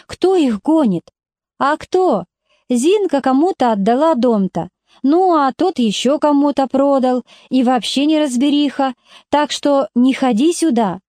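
A woman's voice: sits high, lively intonation, measured pace, warm tone, no echo, voice pushed up. A woman reading aloud and voicing a blunt middle-aged village neighbor who answers curtly.

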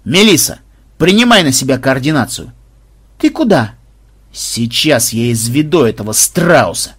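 A man voicing a gruff, phlegmatic grandfather who talks bluntly. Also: mid-range voice, expressive, measured pace, a bit bright. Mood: frantic.

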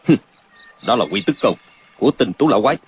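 An actor playing a stern, commanding martial-arts hero, cool and firm, in a dull lo-fi recording with faint noise. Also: male voice, mid-range voice, animated, fast talker, husky. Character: stern heroic male warrior in his prime.

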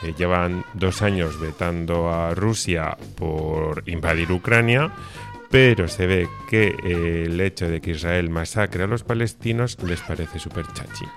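Male radio co-host, Spain accent, very low voice, conversational, faint music underneath. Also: unhurried. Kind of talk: casual radio chat.

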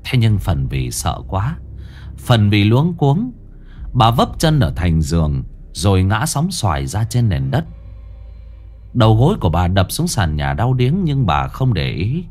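A man's voice: lowish voice, wildly swooping pitch, unhurried, darkish tone. Man telling a ghost story dramatically. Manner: dramatic, swinging intonation. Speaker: narrator.

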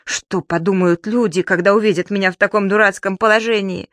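A woman's voice: medium pitch, steady tone, brisk, fairly bright tone, dry recording, clean studio sound, natural voice. A woman voicing a timid, fussy grown man in an audiobook, speaking in a strained, pleading, fretful way.

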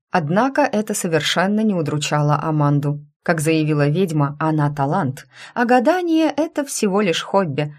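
Low-voiced woman reading a story. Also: darkish tone. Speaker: audiobook narrator. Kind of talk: first-person storybook narration.

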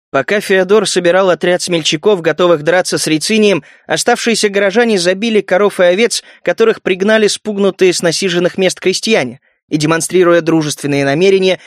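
A man reading a fantasy novel aloud as narrator, in a steady, even manner. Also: sits high, dry recording, clean studio sound. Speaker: audiobook narrator. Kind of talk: scripted narration.

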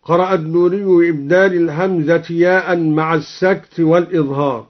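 A man in a formal lesson explaining recitation readings in a measured, deliberate way, slowing into a melodic chant for each example. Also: fairly high pitch, fairly even intonation. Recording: dull, old radio archive recording.

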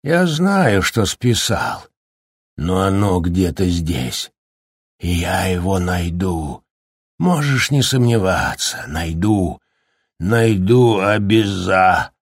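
A man voicing a raging, unhinged middle-aged father who shouts threats in a husky voice. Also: sits low, big pitch swings, slow pace, dry recording, clean studio sound, heavily acted. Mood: menacing.

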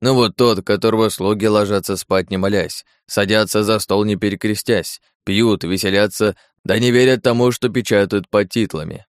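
A man's voice: lowish voice, steady tone, moderate pace, few pauses, clean tone, dry recording, studio quality, natural voice. A man voicing a boastful demon disguised as a big-headed Cossack, swaggering and persuasive in an audiobook. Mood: insistent. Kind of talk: audiobook character voice.

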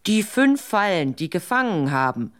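A woman's voice: on the low side, big pitch swings, moderate pace. A woman voicing an indignant foolish man, fussy and raised in tone.

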